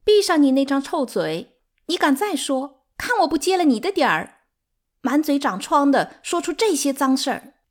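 A woman's voice: sits high, big pitch swings, normal speed, voice pushed up. A woman voicing a hysterical, sobbing concubine who screams her lines in an audiobook. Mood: shrill furious.

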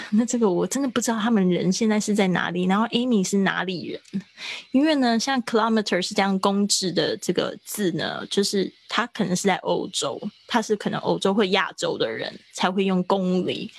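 A woman in her thirties teaching English in a chatty livestreamed lesson, explaining step by step and slowing down to sound out words. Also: medium pitch, creaky, no room sound.

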